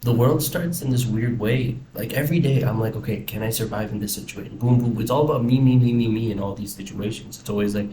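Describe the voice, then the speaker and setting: Fast and with few pauses, a young American vlogger's low-leaning voice runs through a casual, reflective, rambling personal video diary. He's recording indoors in a house, where there's a roomy echo and faint background noise.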